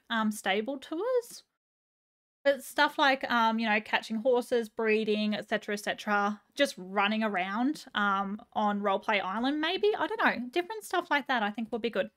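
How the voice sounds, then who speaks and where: A bubbly woman live streamer with a high voice, chatting casually, greeting viewers and gushing as she reads chat aloud. Her voice is going a little hoarse. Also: a bit bright.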